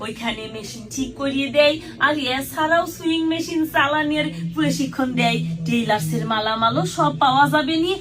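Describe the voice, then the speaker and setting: A woman's voice: sits high, a little fast, hardly any pauses, recorded from a distance, music in the background, lightly acted. A woman playing a helpful village woman in an advert dialogue, speaking Bangladeshi dialect with a Sirajganj accent. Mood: chatty, helpful. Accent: Sirajganj regional Bangladeshi. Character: helpful village woman recommending a local shop.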